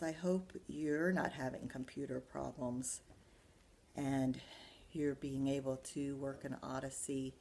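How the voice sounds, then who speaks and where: Reading a storybook aloud to small children at school, this librarian livens it up with asides, explaining parts and quizzing them as she goes. She has a very deep, slightly mellow voice with vocal fry, and some background noise is audible.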